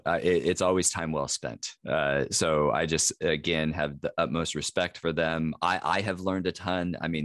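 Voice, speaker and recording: Deep-voiced man rambling on a podcast. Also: no echo, clean studio sound. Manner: rambling, full of fillers and restarts. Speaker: podcast co-host. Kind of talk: casual podcast chat.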